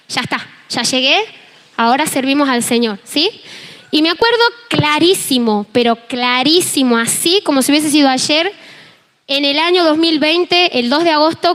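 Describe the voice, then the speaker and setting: A young woman with an Argentine accent, preaching a sermon and telling a personal testimony in an animated, storytelling way. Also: high voice. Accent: Argentine Spanish. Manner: animated storytelling, acting out dialogue. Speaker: preacher and worship team member.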